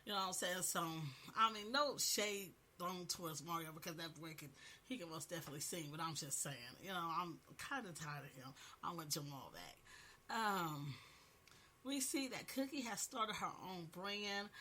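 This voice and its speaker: A woman's voice: on the low side, normal speed, pushed and bright, slight background noise. A woman with a cold recapping a TV episode in a casual, chatty way, often saying "you know what I'm saying.". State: has a cold, coughing. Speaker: podcast host reviewing a TV episode.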